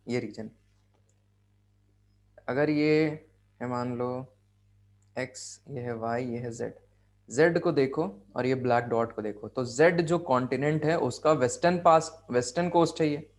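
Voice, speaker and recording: A man with an Indian accent teaching geography over a video call, explaining step by step, repeating key phrases and checking that students follow. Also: medium pitch. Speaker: geography tutor. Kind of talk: online class lecture.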